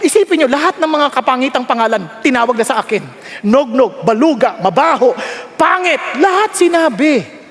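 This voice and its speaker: A man from the Philippines with a Filipino accent, preaching an animated, joking sermon that switches between Tagalog and English. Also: very high-pitched, normal speed, long reverb tail. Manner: animated, joking, self-mocking. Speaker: pastor.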